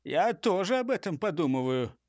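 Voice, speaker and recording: A man's voice: high-pitched, big pitch swings, moderate pace, no echo, studio quality. A man reading an audiobook, voicing a sniffly male robber who sneezes before he speaks. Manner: keeps sneezing. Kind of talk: audiobook character voice.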